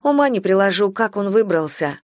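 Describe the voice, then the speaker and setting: A man's voice: sits high, animated, a little fast, no room sound, clean studio sound. A man voicing a serious young woman neighbour in an audiobook, talking in curt, short questions. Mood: worried.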